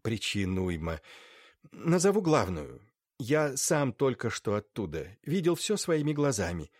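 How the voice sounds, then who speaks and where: A courteous baron delivers grave news in measured, slowed phrases, as a man narrating plays him. His voice is lively in pitch and the recording is dry. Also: no room sound. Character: polite aristocratic baron, grave and deliberate.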